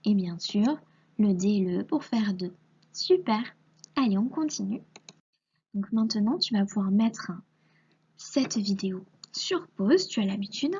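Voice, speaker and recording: A woman teaching a young child to read, stretching out each syllable in an unhurried, patient way. Her voice is very breathy and slightly higher than most, and it often sinks into a soft half-whisper. The recording is dull and lo-fi. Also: lively intonation. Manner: slow, patient, sounds out syllables and letters.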